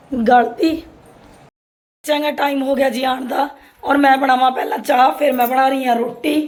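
A middle-aged woman with an Indian Punjabi accent and a sore, hoarse throat, chatting casually as she narrates a daily family vlog. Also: sits high, darkish tone, a little hiss or hum, low-quality recording. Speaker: family vlogger.

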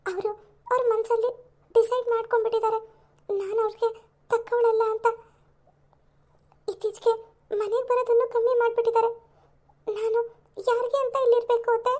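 Shy sad cartoon wife, woman voicing her, soft sorry tone, really high. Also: level tone, normal speed, long pauses. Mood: meek. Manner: soft, apologetic. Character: gentle young housewife, meek and hurt.

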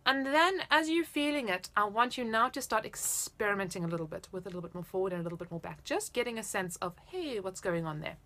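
A woman's voice: mid-range voice, expressive, fast, few pauses, pushed and bright. A woman in her thirties giving casual, explanatory and encouraging music instruction to camera. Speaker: flute teacher. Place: indoors, small room at home.

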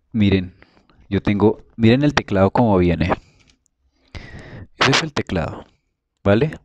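A man with a somewhat low voice talks earnestly and casually to his viewers, rambling and restarting his words as he goes. The recording carries clear background noise throughout. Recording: noisy home recording.

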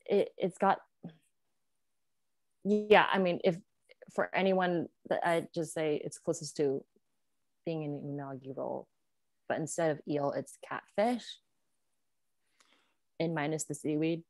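Chatty young woman, low voice. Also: dark tone, dry recording, studio quality. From United States. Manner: chatty, hesitant, laughs often. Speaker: podcast guest. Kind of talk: casual podcast conversation.

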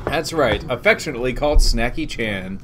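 A man's voice: mid-range voice, expressive, a little fast, noisy background. A young man making wry, teasing remarks while playing a card game in a game store. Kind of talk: casual joking chat over a card game. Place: busy tabletop game store, indoors. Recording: loud store crowd behind. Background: chatter of a crowded game store.

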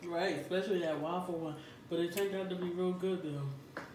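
American woman, casual side chat, off-mic, clearly noisy room. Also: lowish voice, fairly even intonation, brisk, darkish tone, reverberant, recorded from a distance. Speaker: companion in a mukbang video.

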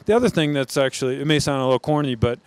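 Middle-aged American man with a smooth voice. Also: mid-range voice, lively intonation, rapid-fire, no echo. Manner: thoughtful, with frequent restarts. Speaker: brewery founder. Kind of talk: on-camera interview. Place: large brewery floor among steel tanks. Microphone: handheld mic.

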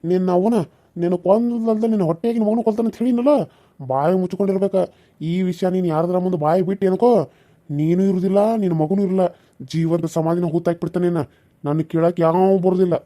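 A cruel, scheming husband from a village cartoon serial, as a man acts him out, talking. His voice is dark and mellow at an ordinary pitch. He swings between hissed threats and soft coaxing. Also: fairly even intonation, fast, natural voice. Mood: menacing. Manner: snarling threats, then softly coaxing to his lover.

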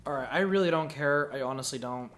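A man's voice: mid-range voice, quick pace, fairly bright tone, faint music behind. A man giving casual, profane gameplay commentary, muttering to himself as he plays.

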